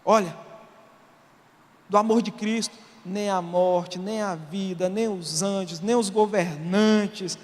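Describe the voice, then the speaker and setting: A Brazilian man preaching a sermon as pastor, animated and colloquial, swinging from soft asides to shouts. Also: high-pitched, slow. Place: church auditorium. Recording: long reverb of a large hall.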